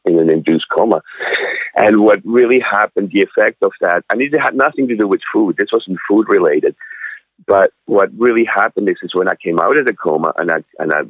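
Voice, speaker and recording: An older man in his sixties, born in Switzerland, tells his story in a halting way full of restarts. His voice sits very low. The sound comes through a thin, tinny phone line with no room around it. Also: no echo. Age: 60s. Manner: halting, many fillers and restarts. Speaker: cafe owner, guest. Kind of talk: casual interview storytelling.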